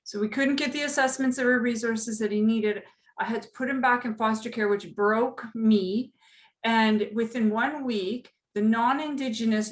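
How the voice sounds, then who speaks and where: Passionate female panelist, raised pitch, roomy video-call audio. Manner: impassioned, personal. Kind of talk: online panel discussion.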